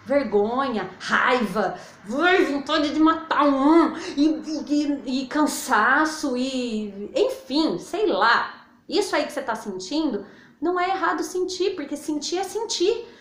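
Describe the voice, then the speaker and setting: Woman from Brazil, motivational host, higher voice, echoey room, talks straight to the audience. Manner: emphatic, conversational, addresses listeners directly. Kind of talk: motivational talk.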